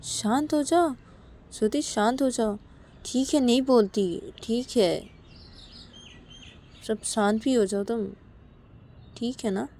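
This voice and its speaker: A woman's voice: mid-range voice, dark tone, natural voice. Woman voicing stammering, placating Shreya. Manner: placating, stammering "arre baba".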